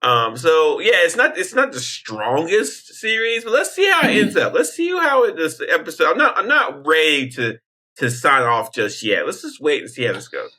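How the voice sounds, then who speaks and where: A man co-hosting a podcast in casual chat, animated and prone to restarts. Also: moderate pace. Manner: animated, wide-ranging pitch, restarts often. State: hiccuping. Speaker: podcast co-host.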